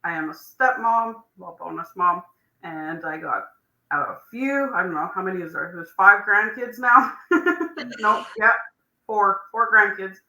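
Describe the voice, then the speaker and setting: A woman's voice: medium pitch, a little slow, sharp tone. A woman from Northern Alberta co-hosting a casual video chat, cheerful and laughing easily. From Northern Alberta, Canada. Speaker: co-host. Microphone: video call. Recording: echoey room.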